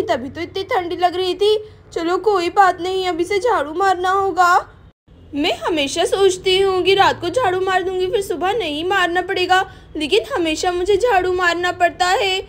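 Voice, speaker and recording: A woman voicing a busy young housewife who chats to herself and scolds her husband in a doll story. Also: very high voice. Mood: chatty. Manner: chatty, scolding, talking to herself.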